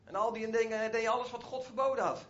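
A man's voice: very high voice, fairly even intonation, fast talker, fairly bright tone, highs cut off. A man retelling a Bible story as a preacher, in a conversational way with frequent asides to his listeners.

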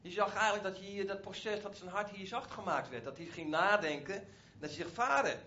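A man's voice: high voice, a little fast, pushed and bright, lo-fi sound, slight background noise. A man retelling a Bible story as a preacher, in a conversational way with frequent asides to his listeners.

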